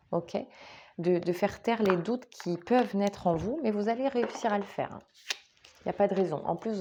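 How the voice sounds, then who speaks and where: A woman's voice: lowish voice, mellow. A woman giving a casual monthly tarot reading, chatting straight to her viewers with frequent hesitations. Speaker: tarot reader.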